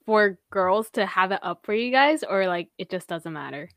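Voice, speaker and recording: Lively curious young woman asking questions. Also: medium pitch, normal speed, no room sound. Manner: curious, inquisitive. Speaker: question asker. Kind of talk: casual group chat.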